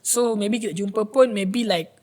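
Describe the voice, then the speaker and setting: A woman's voice: mid-range voice, a little slow. A woman on a podcast panel, telling a personal story in casual chat, acting out the voices of the people in it and slipping into English now and then. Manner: animated storyteller, acts out quoted voices, mixes in English.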